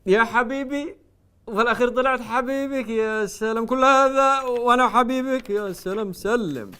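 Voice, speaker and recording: A man with a Yemeni accent hosting a satirical comedy show, mocking and sarcastic, swinging between loud outbursts and hushed asides. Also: very high-pitched, moderate pace, clean tone.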